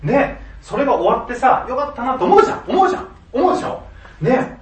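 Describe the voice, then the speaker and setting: A high-voiced man tells a story with big swings in pitch, laughing as he goes and slipping into the voices of the people he quotes. He sits a little back from the mic in an echoey room with faint noise behind him. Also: sing-song, fast talker, far from the mic. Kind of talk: storytelling monologue.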